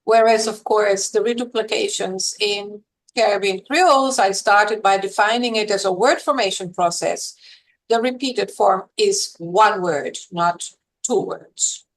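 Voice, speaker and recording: A woman professor, a guest on an interview podcast, explaining points in a measured, lecturing way with some fillers. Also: mid-range voice, low-quality recording.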